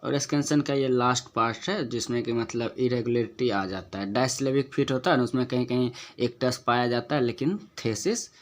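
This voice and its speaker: A mid-range male voice leads a step-by-step meter lesson, slowly repeating example words to highlight stress. Along the way he asks questions and then answers them himself.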